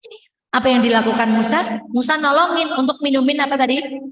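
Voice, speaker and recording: A woman preacher giving a lively sermon to women, quizzing her audience and playfully acting out quoted prayers and dialogue. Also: high-pitched, quick pace, poor audio.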